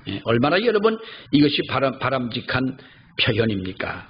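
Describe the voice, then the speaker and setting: A man's voice: mid-range voice, very animated, normal speed. An older man pastor preaching a sermon in a church, telling stories and repeating key phrases for emphasis. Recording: slightly dull recording, faint background noise.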